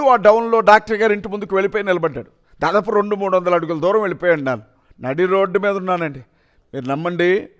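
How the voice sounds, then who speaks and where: A man's voice: sits high, fairly bright tone. A young adult man telling his personal testimony in an earnest, emotional storytelling way. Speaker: testimony speaker.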